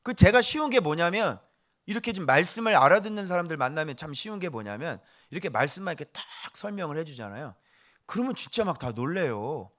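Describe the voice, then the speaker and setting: A male pastor preaching a sermon, animated and firing questions at the congregation, dropping to a hush for asides. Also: on the high side, quick pace.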